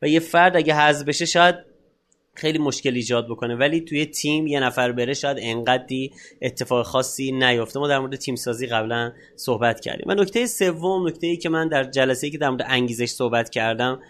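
A man's voice: mid-range voice, a bit bright. A man co-hosting a casual podcast, explaining his points one by one. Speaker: podcast co-host.

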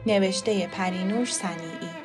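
A woman narrating a story in a calm, scripted storytelling style. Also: mid-range voice, loud music behind the voice.

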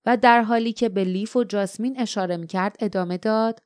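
A woman narrating an audiobook in a calm, measured storytelling manner, close to the microphone. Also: medium pitch, no echo.

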